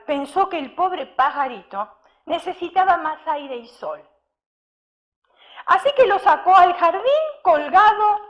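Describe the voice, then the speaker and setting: A woman's voice: very high voice, fairly bright tone. A woman preacher giving a sermon, telling stories and putting questions to her congregation. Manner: storytelling with rhetorical questions to the congregation. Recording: dull lo-fi sound.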